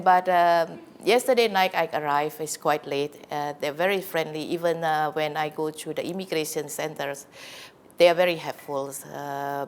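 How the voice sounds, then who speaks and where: Woman, low voice, chatty, lots of fillers, interview guest. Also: slight background noise. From Indonesia. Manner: chatty, many fillers and restarts. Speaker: visiting academic guest. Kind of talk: casual interview answers.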